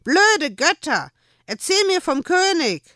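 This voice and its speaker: A man voicing an excitable, stubborn little boy who whines and makes demands. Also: extremely high pitch, unhurried, no room sound, clean studio sound, pitched above the performer's own voice, heavily acted. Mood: angry, sulky. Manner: whiny and demanding.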